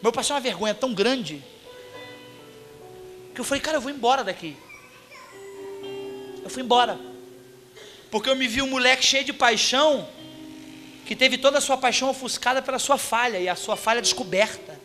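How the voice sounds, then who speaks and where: Brazilian male pastor, high bright voice, comic animated sermon storyteller, light music underneath. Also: a little fast, pauses often. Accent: Brazilian Portuguese. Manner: comic, animated, acts out shouted quotes. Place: church congregation hall.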